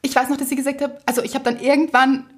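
A woman tells a story on a podcast in a relaxed, chatty way. Her voice sits fairly high, and she laughs often as she talks. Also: fast. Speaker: podcast co-host. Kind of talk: casual chat.

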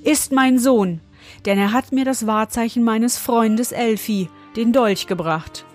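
A woman's voice: a little high, unhurried, darkish tone, faint music behind. A woman voicing a stern, commanding sultan in a read-aloud fairy tale, declaiming his lines.

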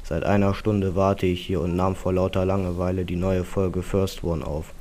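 Man, very low voice, mellow, reading a tale aloud, says punctuation out loud, dry. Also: normal speed. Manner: reads punctuation marks aloud, flat and dry. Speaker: story reader.

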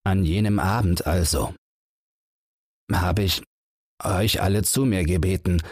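Man reading a soft sad guy, slow and hesitant, husky low voice. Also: no echo, clean studio sound. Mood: wistful. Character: quiet melancholy man, gentle and hesitant.

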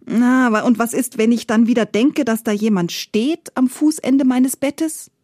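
A woman storyteller voicing a grown man who is afraid of the dark, speaking anxiously. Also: on the high side, unhurried, dry recording, studio quality, voice pushed up. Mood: frightened. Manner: anxious, pleading.

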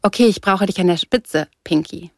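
A woman's voice: fairly low pitch, normal speed, dry recording, clean studio sound, close to an everyday voice. A woman reading aloud and voicing a cocky young male surfer who mocks a girl he has pulled from the water. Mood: teasing. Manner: smug, mocking.

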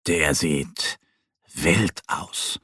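A man voicing a quick-tempered little boy bear cub in a children's story, sulky and childish. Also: on the low side, expressive, vocal fry, pushed and bright, husky, no echo, clean studio sound, full character voice. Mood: calm.

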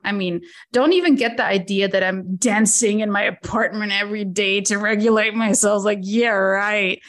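A woman life coach speaking as a guest in a casual interview, animated and laughing often. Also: mid-range voice.

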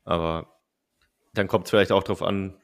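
Male podcast co-host, very low pitch, measured conversational delivery. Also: steady tone, creaky. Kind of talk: casual podcast discussion.

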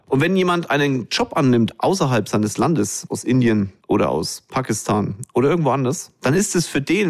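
A man hosts a podcast alone, ranting bluntly and colloquially as he speaks straight to his listeners. His pitch swings up and down a lot, so the talk sounds lively and animated. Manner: addresses listeners directly. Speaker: podcast host. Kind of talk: monologue podcast commentary.

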